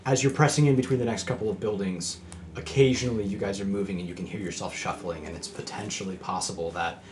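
A man's voice: fairly low pitch, steady tone, quick pace, darkish tone, slight background noise. A man running a tabletop game as game master, describing scenes in a loose, hedging way.

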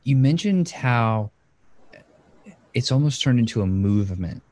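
A man hosting a podcast interview, asking measured, thoughtful questions. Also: medium pitch, lively intonation, a little mellow. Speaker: podcast host.

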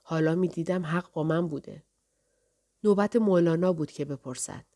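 A woman reading a novel aloud in first person, even and measured. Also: on the low side. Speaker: audiobook narrator. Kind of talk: scripted first-person narration.

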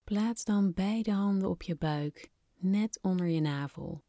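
A woman softly and soothingly guiding a breathing exercise in calm, unhurried scripted instructions, slightly breathy at times. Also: mid-range voice, no room sound, studio quality. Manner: soft, soothing, unhurried instruction with long pauses. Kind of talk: guided relaxation exercise, scripted narration.

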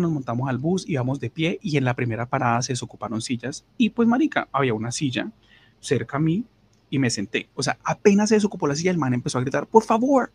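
A young Colombian man from Bogotá talks in a husky, slightly breathy voice. He tells his stories casually, with lots of slang and crude words. Now and then he slips into high-pitched imitations of the people he is describing. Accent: Colombian Spanish, Bogotá. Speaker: podcast co-host. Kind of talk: casual storytelling chat.

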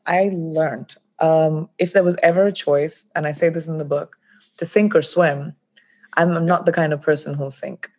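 Low-voiced woman guest from India. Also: steady tone, normal speed, a little mellow. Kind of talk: interview conversation.

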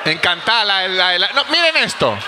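A Venezuelan man with a Venezuelan accent, telling animated stories and swearing freely on a live comedy podcast. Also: high voice, normal speed, a crowd in the background, background noise. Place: theater stage before a live audience.

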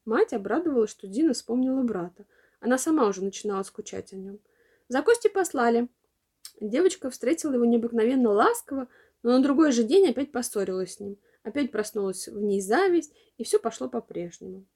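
A woman reads a children's story aloud, expressive and animated. Her voice is a little high and warm. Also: fairly quick, slightly rough. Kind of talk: storybook narration.

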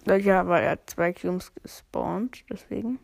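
A woman's voice: medium pitch, a little slow, vocal fry, a little mellow. A woman giving casual, chatty let's play commentary, thinking aloud in slangy language as the game goes. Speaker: gamer commentating own play.

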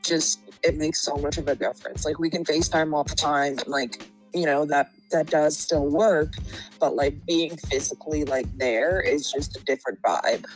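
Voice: mid-range voice, normal speed, soft background music, poor audio. A young adult in their twenties from Nova Scotia with a Nova Scotian accent, chatting casually in a heartfelt, filler-heavy way. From Nova Scotia, Canada. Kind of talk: casual chat.

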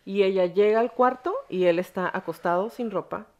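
A woman's voice: mid-range voice, moderate pace, lo-fi sound. A woman hosting a podcast, telling a story frankly in casual, slangy conversation with blunt profanity. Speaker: podcast host.

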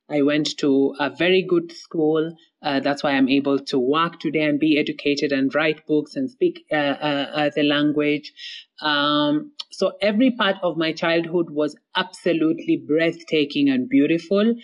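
Woman from Somalia, interview guest, earnest storytelling, many ums and repeats, dull lo-fi audio. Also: deep voice. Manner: earnest, frequent fillers and repeated words.

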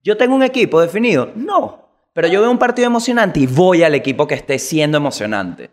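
A Venezuelan man hosting a comedic news show, with a voice sitting a little high. He talks in an animated, slangy way, full of curses. He jumps into quick mock voices. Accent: Venezuelan Spanish. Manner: animated, slangy, swearing, jumping into quick impressions.

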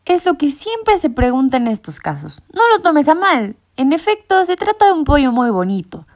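A woman's voice: sits high, big pitch swings, moderate pace, pitched above the performer's own voice. A woman voicing a pompous male cat leader who gives orders in a formal, bossy way. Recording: muffled lo-fi recording.

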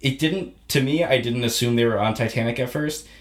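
A man in casual chat about a show he saw, rambling and halting with many fillers and restarts. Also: mid-range voice. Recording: echoey room.

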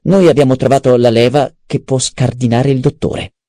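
A man's voice: medium pitch, fairly even intonation, moderate pace, dark tone, dry recording, studio quality, voice pushed up, lightly acted. A man voicing a cunning, self-satisfied male adviser in an audiobook, eager and precise. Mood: scheming. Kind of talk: audiobook character voice.

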